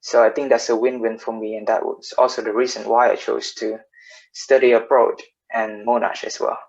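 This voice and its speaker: A man's voice: mid-range voice, little pitch movement, moderate pace, creaky. Young man from Vietnam on dull lo-fi audio. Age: young adult. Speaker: university student panelist. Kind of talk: answering interview questions.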